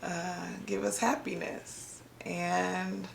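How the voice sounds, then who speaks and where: A woman from Ohio sharing a reflective faith talk on her vlog, speaking slowly and haltingly with many pauses and fillers, emotional and near tears. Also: fairly low pitch, level tone, vocal fry, roomy sound, slight background noise. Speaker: vlogger.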